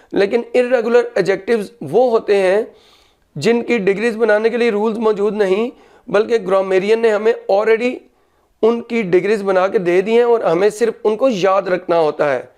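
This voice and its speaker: A man teaching a grammar lesson, explaining patiently and slowing right down when he dictates the rules. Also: sits high, a little mellow.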